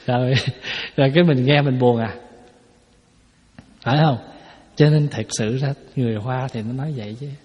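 A man's voice: medium pitch, normal speed, pauses often. A man, a Buddhist monk giving a folksy dharma talk to a hall, explaining with rhetorical questions. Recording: echoey hall, dull lo-fi sound.

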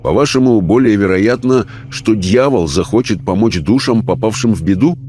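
A man voicing a calm, patient male rescuer of spirits who speaks gently. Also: on the low side, moderate pace, lightly acted.

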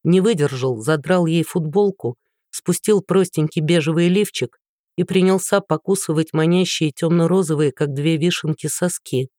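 A woman narrating a romance novel in an even, matter-of-fact storytelling voice. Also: sits low, moderate pace, no room sound, clean studio sound. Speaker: audiobook narrator. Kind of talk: scripted narration.

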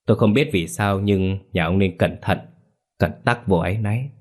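Male narrator doing a deep-voiced, solemn old village ritual master, measured and warning; storybook reading. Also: darkish tone.

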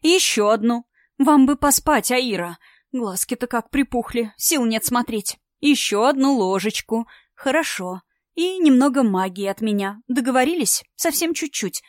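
A woman's voice: a little high, animated, moderate pace, no room sound, studio quality, voice pushed up, close to an everyday voice. A woman voicing a frightened, fussing maid who coos and coaxes. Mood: coaxing. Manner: cooing, fussing.

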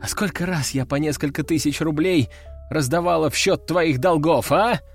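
A man's voice: fairly high pitch, normal speed, faint music behind. Stern tired mother, read by a man, reproachful. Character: worried middle-aged mother, stern and weary.

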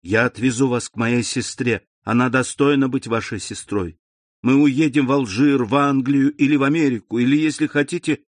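A man's voice: mid-range voice, dry recording, pitched above the performer's own voice, close to an everyday voice. Man reading ardent young suitor, insistent, close dry sound. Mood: earnest. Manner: earnest, insistent. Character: young man in love, proud and desperate.

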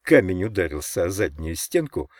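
A man narrates an audiobook in a measured, dramatic reading. His voice sits low. The recording is dry and close, with no room sound. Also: sing-song, a little mellow, no echo. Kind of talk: scripted narration.

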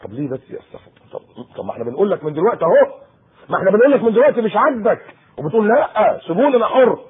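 A man preaching to teenagers in Egyptian Arabic, in a colloquial, animated sermon with acted-out asides. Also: sits high, rapid-fire, slightly rough. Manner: animated, acts out a teen and mother in quoted asides. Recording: tinny lo-fi phone-like tape.

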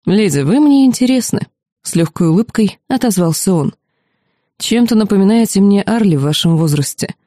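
A courtly duke speaks in a calm, wry, faintly condescending tone, as a woman reads him in an audiobook, with a mellow, dark timbre. The sound is close and dry. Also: mid-range voice, brisk, no echo, natural voice. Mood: courteous. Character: suave, candid noble duke, adult man. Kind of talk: audiobook character reading.

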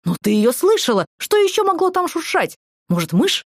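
A woman voicing a fussy, panicky young female cellmate in an audiobook, shrill and indignant. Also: big pitch swings, normal speed, dry recording, studio quality.

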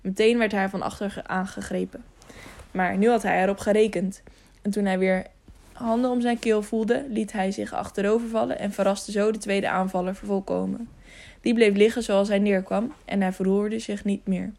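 Audiobook narrator, woman, gravelly mid-pitched voice, steady storytelling read. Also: moderate pace. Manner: steady reading with occasional self-corrections. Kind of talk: scripted narration of a children's adventure novel.

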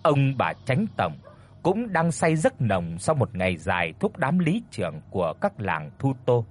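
A man tells a scripted horror story with dramatic expression. His voice is husky, and his pitch moves lively through every sentence. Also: a little slow.

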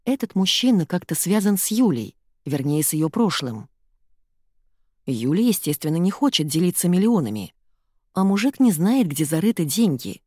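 A woman narrates an audiobook in an expressive, lively way. Her voice sits fairly low, and the recording is close and dry. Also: moderate pace, slightly rough, no echo. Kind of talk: scripted narration.

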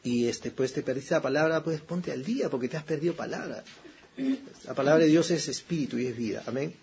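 A man's voice: fairly high pitch, creaky, darkish tone, a little hiss or hum. A man preaching a conversational sermon as a pastor, often tossing in rhetorical questions. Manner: chatty, repeats phrases, frequent rhetorical "¿no?" asides; fervent prayer voice, slow and emphatic.

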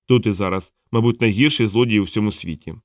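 A man's voice: fairly low pitch, fast talker, darkish tone, no echo, studio quality, close to an everyday voice. A man doing an earnest good-hearted watchman. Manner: patient, sincere, explaining. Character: earnest kind male city watchman.

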